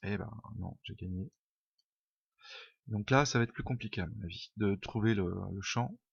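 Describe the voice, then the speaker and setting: A man talks his way through a programming tutorial, thinking aloud with constant fillers and a casual, self-mocking tone. His voice sits low and gravelly. The dull, dry home recording carries faint clicks of a mouse and keyboard. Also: normal speed, no echo. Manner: hesitant, many "euh" fillers, thinks aloud; informal, self-deprecating. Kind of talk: unscripted screen-recorded coding tutorial. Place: home room.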